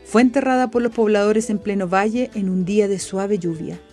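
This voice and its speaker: A woman narrating a legend for children in a gentle, unhurried way. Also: mid-range voice, fairly even intonation, faint music behind. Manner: slow, gentle storytelling. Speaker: school radio presenter.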